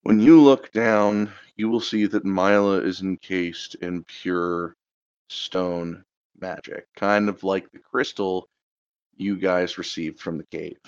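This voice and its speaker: A man's voice: deep voice, steady tone, slow pace, darkish tone, smooth, dry recording. A man narrating a tabletop game as game master, hesitant and full of fillers. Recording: dull, lo-fi sound.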